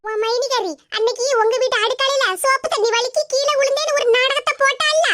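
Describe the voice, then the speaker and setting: A woman's voice: fairly even intonation, fast, fairly bright tone, dry recording. A woman voicing a scheming, sweet-talking neighbor woman in a cartoon, with a Tirunelveli Tamil accent. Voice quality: high and squeaky. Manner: coaxing, sugary, then plotting. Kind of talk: cartoon voice acting.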